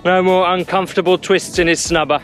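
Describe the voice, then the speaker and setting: Easygoing high-voiced man, boat captain. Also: little pitch movement, a little fast, a bit bright, soft background music. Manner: easygoing, explanatory, with fillers. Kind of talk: casual vlog narration.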